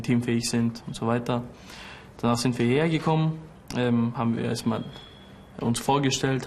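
A man's voice: medium pitch, a little mellow, slight background noise. A teenage boy in a youth program, answering interview questions hesitantly with fillers. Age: teens. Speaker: program participant.

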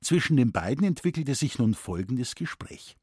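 A man reading a humorous story aloud as the narrator, with a lively, expressive delivery. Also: mid-range voice, normal speed, breathy edge, no room sound, clean studio sound. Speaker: audiobook reader.

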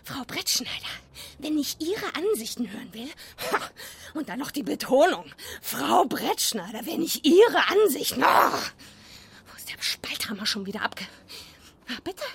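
A woman's voice: on the high side, expressive, normal speed, gravelly, fairly bright tone, breathy edge, whispered, heavily acted. A woman playing a sarcastic grumbler. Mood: grumbling. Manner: muttering to herself, sarcastic rants. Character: irritable woman sorting an inherited house, grumbling.

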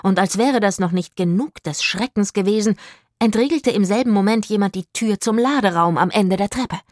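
A woman narrating a children's audio mystery with expressive storytelling. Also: mid-range voice, moderate pace, no echo, studio quality.

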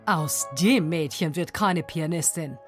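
A woman's voice: sits low, slow pace. A woman doing a stern old piano professor. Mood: scornful.

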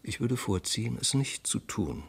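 A man voicing a meek but stubborn young male copyist who speaks in a soft, respectful, quiet tone. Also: medium pitch, moderate pace, creaky, breathy edge. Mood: quietly refusing.

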